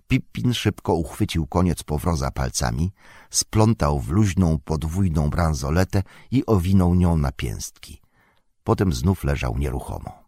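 Deep, husky male audiobook narrator. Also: dry recording, clean studio sound. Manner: steady, measured storytelling.

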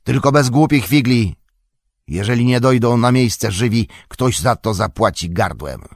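A man voicing a brutal, commanding orc chieftain in an audiobook, with a hoarse, rasping voice and a threatening way of barking orders. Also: medium pitch, expressive, measured pace, no echo, clean studio sound, voice pushed up.

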